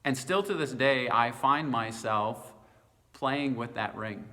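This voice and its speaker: A man's voice: medium pitch, slow pace, bright, forceful tone. A middle-aged male pastor giving a short devotional talk, earnest and personal with light self-deprecating humor. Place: church sanctuary. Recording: long reverb from a large room.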